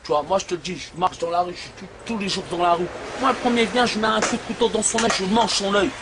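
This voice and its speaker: A man's voice: sits high, fairly even intonation, quick pace, noisy background. A man from Algeria, a shop owner, ranting crudely and aggressively at the camera with threats and insults. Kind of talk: angry rant to camera.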